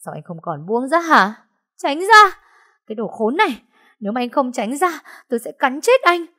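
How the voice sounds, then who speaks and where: A woman's voice: fairly low pitch, normal speed, warm tone, slightly rough. A woman voicing a grief-stricken young mother in an audiobook, crying out and pleading. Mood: frantic. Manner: screaming, sobbing pleas. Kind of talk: audiobook dialogue.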